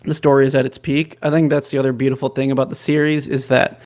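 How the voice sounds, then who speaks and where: A man's voice: medium pitch, level tone, quick pace, a little mellow. A man on a fan podcast panel, speaking reflectively and saying "like" a lot. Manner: reflective, heavy use of "like". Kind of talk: casual chat.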